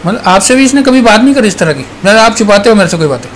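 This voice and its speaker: A middle-aged father scolds his son at home in a stern voice set high for a man. His talk is blunt and threatening, with faint noise around him. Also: expressive, racing. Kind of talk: family argument at home. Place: family home indoors.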